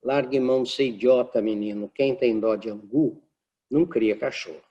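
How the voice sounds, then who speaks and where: A woman's voice: a bass voice, normal speed. A man voicing a blunt old grandmother from the countryside who scolds in a matter-of-fact way, over dull lo-fi webinar audio. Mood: scolding.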